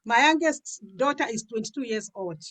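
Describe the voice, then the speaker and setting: Telling her own story about health and business the way a pastor would, this African woman in her 50s speaks conversationally and emphatically, repeating phrases for stress. Her pitch is fairly high and her tone fairly bright, with lively intonation at a moderate pace.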